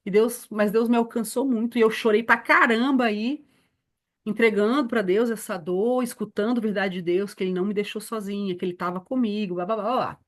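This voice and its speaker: Speaking briskly at medium pitch with a steady tone, a woman in her forties recounts a personal testimony in a church lesson. She is a missionary teacher who tells the story earnestly and refers to listeners as "beloved."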